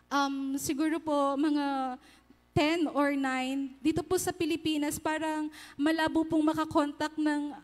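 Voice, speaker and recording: High-voiced woman giving a church testimony. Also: in a large hall. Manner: earnest, deferential, often addresses the congregation. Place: church hall.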